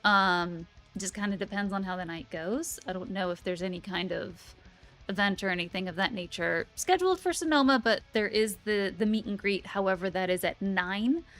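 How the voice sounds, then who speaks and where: A tired woman streaming a game talks in a relaxed, rambling way, full of small fillers. Her voice sits at an ordinary middle pitch, with faint music playing behind her. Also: moderate pace. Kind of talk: casual live-stream chat.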